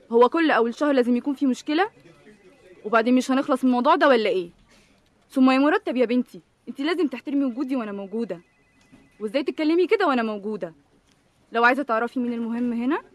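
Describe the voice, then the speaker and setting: A woman's voice: fairly high pitch, no room sound, close to an everyday voice. A woman with an Egyptian accent voicing a stern, motherly ID card who scolds the others. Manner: reproachful, commanding.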